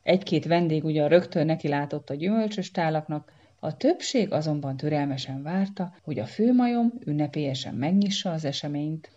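A woman reads a storybook aloud with lively expression, her voice low-pitched and mellow. The recording sounds dull and lo-fi. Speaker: narrator. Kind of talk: storybook reading.

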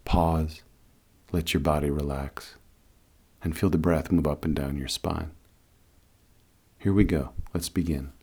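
Male meditation guide: extremely deep register, husky tone, soothing and unhurried delivery. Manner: calm, soothing, unhurried instruction. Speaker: guided meditation and breathing teacher.

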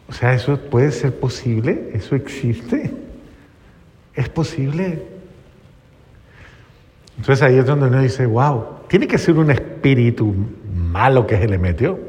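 A male priest giving a conversational sermon, often pausing and restarting, softening his voice when he retells what others told him. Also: medium pitch. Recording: long reverb.

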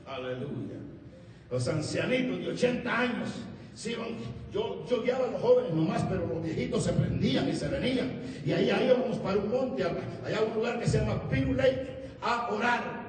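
A man's voice: sits high, lively intonation, normal speed, crowd noise. A man preaching a fervent Pentecostal sermon, telling stories with frequent hallelujahs, recorded from a distance in a church. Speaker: pastor. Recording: echoey hall, distant mic, faint noise.

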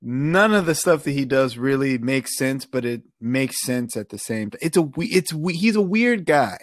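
A man's voice: medium pitch, expressive, moderate pace, dry recording, clean studio sound. A young man co-hosting a casual podcast, laid-back and hedging, laughing often. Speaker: podcast co-host.

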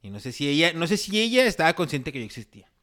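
A young man with a Mexican accent telling a story in casual podcast chat, full of slang and halting restarts. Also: on the high side, sing-song, a bit bright. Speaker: podcast co-host.

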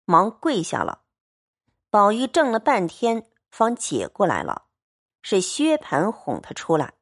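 A woman narrating a classic novel as a storytelling reading, measured and expressive. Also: medium pitch.

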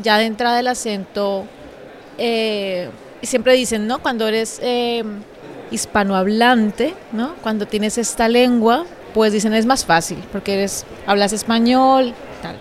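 A woman from Bogotá with a Colombian accent, an actress speaking reflectively in a measured way, often ending thoughts with a questioning tag. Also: a little high. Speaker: actress and guest. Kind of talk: reflective conversation.

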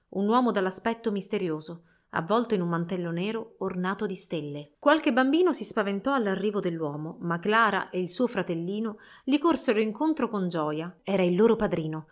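A woman narrating a fairy tale for children in a slow, measured storytelling voice. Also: mid-range voice.

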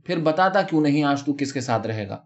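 A man voicing a jealous first wife who scolds and shouts in a storybook reading, on a dull lo-fi recording. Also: on the high side, expressive. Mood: furious. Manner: shouting, quarrelsome.

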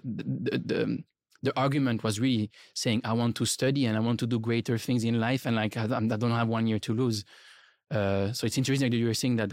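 Casting: male podcast host, mid-pitched, eager interviewer, close dry studio sound. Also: darkish tone, dry recording. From Switzerland. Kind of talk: interview conversation.

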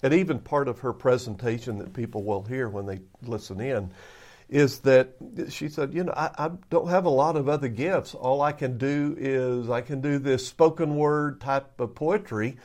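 A man's voice: medium pitch, moderate pace, darkish tone. A man speaking as a pastor on a podcast, answering conversationally into his own microphone. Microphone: own separate microphone.

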